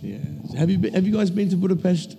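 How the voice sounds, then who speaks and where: A man hosting a casual chat, animated and crude, firing off quick questions and jokes. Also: high-pitched, creaky, long reverb tail, music in the background. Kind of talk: casual banter.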